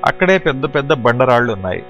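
A male audiobook narrator tells the tale steadily and explains as he goes. His voice sits at an ordinary pitch. The recording is dull and lo-fi, with faint music behind him. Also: sing-song, fast, fairly bright tone. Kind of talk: scripted narration.

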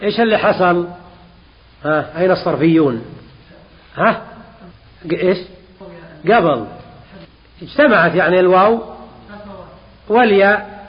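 A man with a fairly high voice and a tinge gives a classroom lesson, stopping to quiz his students and repeating key terms. The sound is dull and lo-fi, and a long reverb hangs in the hall. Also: lively intonation, a little slow, long pauses. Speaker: teacher. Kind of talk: classroom lesson explaining a text.

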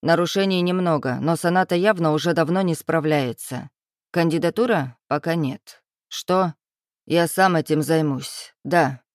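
A woman reading an audiobook voices a curt, self-assured man in power, speaking low, clipped and matter-of-fact. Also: a little slow, no room sound, studio quality. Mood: businesslike.

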